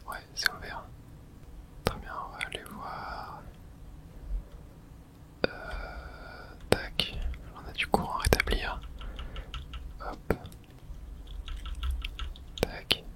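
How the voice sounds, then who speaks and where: In a breathy, unvoiced whisper, a man offers hushed ASMR commentary on a video game, thinking aloud in short remarks. He talks very slowly, leaving long pauses.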